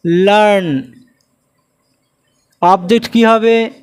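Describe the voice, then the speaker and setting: A man teaching a spoken English lesson, drilling sentences word by word, drawing out the English words slowly and quizzing his students. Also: high-pitched, fairly even intonation, smooth.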